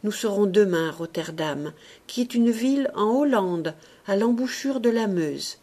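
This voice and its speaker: Brief: woman reader doing a frantic old man in an audiobook, trembling and pleading, slow and breathy. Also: medium pitch, lively intonation, darkish tone. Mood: soothing. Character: anxious, tender old man, a fatherly showman.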